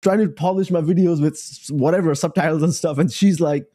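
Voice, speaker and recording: A man's voice: a little high, steady tone, a little fast, mellow. A young man from a Bengali background, joking and exclaiming as he comments casually on videos and sites while sharing his screen. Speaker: online business creator.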